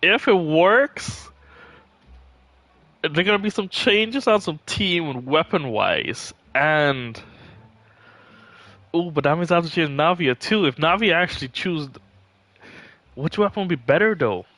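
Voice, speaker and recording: A livestreamer with a slightly high, slightly bright, animated voice chats and thinks aloud as he plays, giving casual live commentary. He speaks a little slowly with long pauses. There's no room sound, but music plays behind him.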